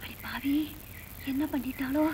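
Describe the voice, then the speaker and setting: An actress playing a quarrelsome village woman who wails and scolds loudly in a film drama. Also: expressive, normal speed, background noise. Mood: wailing. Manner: shrill, wailing and scolding.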